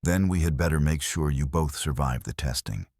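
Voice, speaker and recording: A man voicing a stern, weathered old Apache elder who speaks in a grave, measured, formal way. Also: very deep voice, lively intonation, darkish tone, husky, no echo, studio quality, exaggerated voice.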